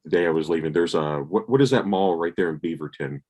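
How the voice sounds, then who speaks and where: Very deep-voiced man telling stories. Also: quick pace, a little mellow. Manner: rambling anecdotal storyteller, swears casually. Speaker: podcast co-host. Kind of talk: casual chat.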